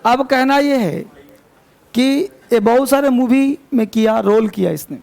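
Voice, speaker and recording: A man leads a grammar lesson in a classroom, his voice pitched high with a rough, gravelly texture. He repeats key points, corrects pronunciation and calls the students to order in a fond, chiding way. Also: a little slow, darkish tone. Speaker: English teacher.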